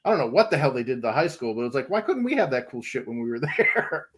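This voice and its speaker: A fast-talking man from New England, a comic creator appearing as a guest, tells rambling stories during a casual panel chat, laughing often. His voice is medium-pitched and sing-song.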